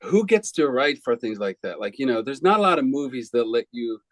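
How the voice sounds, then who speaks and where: A man in his forties from Belgium, a film composer answering interview questions in a relaxed, rambling way with frequent restarts. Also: mid-range voice, brisk, dry recording, rough recording.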